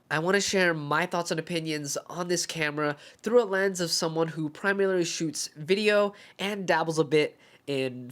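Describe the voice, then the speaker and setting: A man with a cold, sounding muffled, hollow and stuffed up in the nose, narrating a casual, conversational video review. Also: a little high. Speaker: host, camera reviewer.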